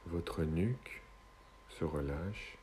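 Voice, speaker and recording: A man guiding a hypnosis session in a slow, soothing hypnotist's manner, with long pauses between short phrases. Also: low-pitched, a little mellow, a little hiss or hum.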